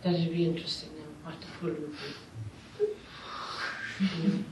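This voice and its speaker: A woman's voice: low-pitched, steady tone, slow. An Irish woman in a reflective discussion, hesitant and searching for her words. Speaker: audience participant. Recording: distant mic, echoey noisy room.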